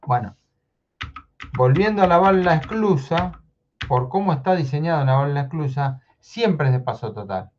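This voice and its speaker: A man's voice: a little high, expressive, moderate pace, darkish tone, dull audio. A man giving a technical lecture, often checking in with "¿sí?". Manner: explanatory, checks in with frequent "¿sí?". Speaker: university lecturer.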